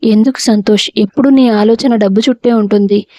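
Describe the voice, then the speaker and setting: A woman's voice: medium pitch, steady tone, a little fast, dark tone, dry recording, highs cut off, close to an everyday voice. A woman voicing a hurt young wife and mother who speaks reproachfully. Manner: tearful, reproachful.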